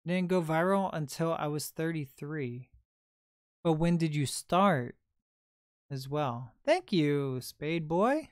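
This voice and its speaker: A man's voice: on the high side, expressive, slow pace, clean tone, dry recording, clean studio sound. A man in his twenties hosting a casual livestream, chatting and answering viewer comments as they come in. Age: 20s. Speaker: livestream host and reseller.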